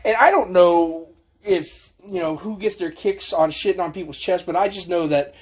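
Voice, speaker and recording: A man telling crude stories as a podcast guest, swearing freely, with a high wheezy laugh. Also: moderate pace. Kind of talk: casual storytelling chat.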